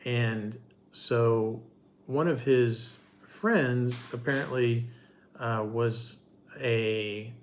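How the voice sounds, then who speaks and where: A middle-aged man co-hosting a livestream, telling a story casually in short, halting pieces. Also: mid-range voice, slight background noise. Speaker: livestream co-host.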